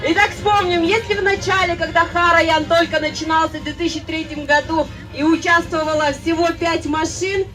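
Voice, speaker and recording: High, bright, booming woman prize announcer. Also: steady tone. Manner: booming prize-announcer delivery, drawn-out exclamations. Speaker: event announcer and host. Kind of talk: live ceremony announcing to a crowd. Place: outdoor stage at a motorsport event. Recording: distant outdoor PA with music behind.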